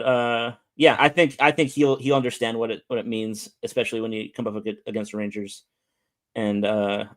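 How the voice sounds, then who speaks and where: A man with an American accent, his voice low-ish and creaky, chats casually as a podcast guest. He's a soccer fan and often repeats words while he thinks.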